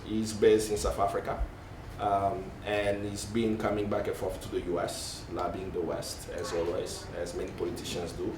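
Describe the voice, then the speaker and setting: A man with a deep voice speaks at normal speed in a completely flat delivery with few pauses, taking part in a conference hall panel discussion. Even so, he searches for words, corrects himself, and peppers his talk with um and uh. The distant mic picks up a roomy hall and faint noise.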